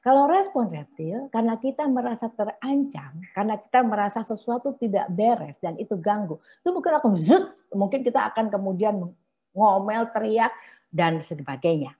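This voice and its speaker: A middle-aged woman with an Indonesian accent, a psychologist giving an online seminar, explaining patiently and slipping into hushed self-talk examples. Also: medium pitch, lively intonation, moderate pace. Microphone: video call. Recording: dull lo-fi video call audio.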